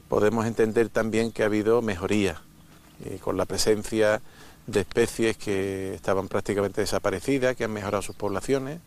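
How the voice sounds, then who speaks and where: A man's voice: fairly low pitch, a little mellow, a little hiss or hum. A man with an accent from Spain speaking in an interview as an official. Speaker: nature park director, interviewee. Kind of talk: interview talk.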